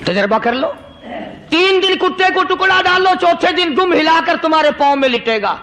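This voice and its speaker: A man's voice: very high-pitched, expressive, sharp tone, slight background noise. A male preacher telling a moral story in a fervent, rhythmic sermon style with rising emphasis.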